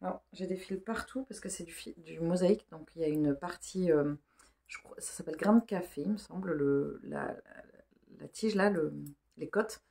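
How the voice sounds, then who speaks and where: Female vlogger, slightly low pitch, informal rambling delivery with a searching, hesitant flow. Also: moderate pace, creaky, mellow. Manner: informal, hesitant, thinking aloud. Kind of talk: casual rambling vlog chat.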